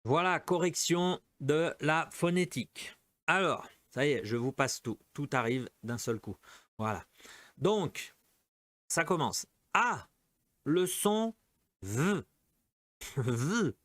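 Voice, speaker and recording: A man teaching an online French class, slowly explaining an exercise and often checking in with his students. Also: on the high side, expressive, fairly bright tone, dry recording. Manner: slow, keeps checking in with "d'accord?" and "ok?".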